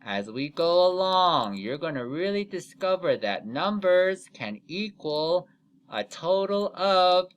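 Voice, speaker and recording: A man speaks to young children like a kids show host, in a fairly high voice that moves up and down a lot. He goes slowly and deliberately through each step of the lesson. He often stops to check that his listeners are following. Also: fairly bright tone, lo-fi sound. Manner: deliberate step-by-step explaining, frequent "okay?" check-ins. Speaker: math teacher for young children.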